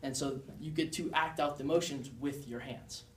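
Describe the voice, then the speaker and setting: A man's voice: fairly high pitch, steady tone, normal speed, a little hiss or hum. A young man giving a class presentation as a student, explaining and demonstrating signs in an earnest way. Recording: echoey room, mic far off.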